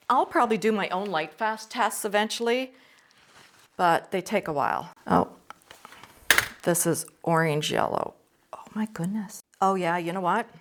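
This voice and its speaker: A woman art teacher hosting her own channel, chatting casually as she tests paints. She gushes with eager little exclamations, and her voice sits at a middling pitch for a woman. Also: a bit bright. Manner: enthusiastic, gushing exclamations. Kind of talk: casual swatching review vlog.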